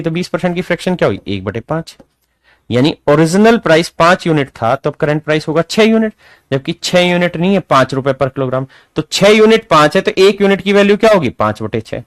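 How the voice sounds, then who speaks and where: A man's voice: on the high side, no echo. Folksy Hindi-speaking male math teacher. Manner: folksy, addresses students as his dear children; asks frequent check questions. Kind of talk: classroom math lesson.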